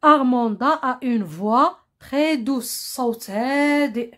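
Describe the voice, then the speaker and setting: Woman, primary teacher, slightly high voice, slow and patient, lots of repetition. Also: a bit bright. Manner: patient, repeats words, checks with "hein?" and "compris?". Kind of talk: slow classroom explanation.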